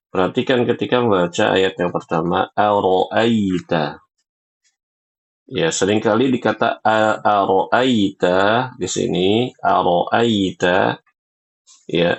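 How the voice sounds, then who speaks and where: A male recitation teacher speaks in a low, measured voice. He corrects mistakes calmly and stretches each example word out carefully. His pace stays unhurried throughout. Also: gravelly. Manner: patient, corrective, models words slowly. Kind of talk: recitation lesson.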